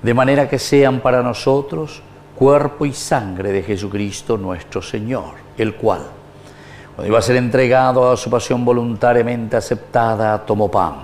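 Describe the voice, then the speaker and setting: A solemn priest recites the prayers of the Mass in a measured, formal manner inside a small wood-panelled chapel. His medium-pitched voice is a little mellow, and the lapel mic carries a slight hiss or hum.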